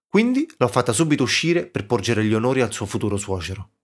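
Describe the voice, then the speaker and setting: A man's voice: medium pitch, sing-song, fast. A man reading a cunning old court minister. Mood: placating. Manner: courteous, persuasive.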